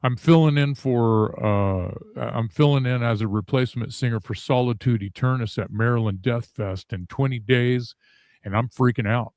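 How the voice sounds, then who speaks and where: A man talking casually as a guest in an interview, candid and halting, with many restarts and some swearing. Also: medium pitch, darkish tone, no room sound, clean studio sound. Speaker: guest vocalist.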